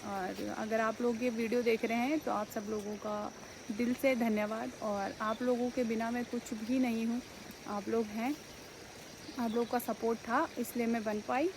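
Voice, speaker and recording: A woman's voice: a little high, steady tone, moderate pace, noisy background. A young woman answering viewer questions in a casual vlog, earnest and grateful as she reflects. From India. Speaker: village head and vlogger.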